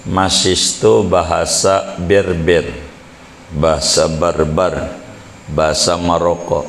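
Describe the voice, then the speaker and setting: A man's voice: very deep voice, vocal fry, slight background noise. A man preaching in a chatty, joking way, drawing out words and explaining with asides. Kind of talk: casual religious lecture. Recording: echoey hall with faint ambience.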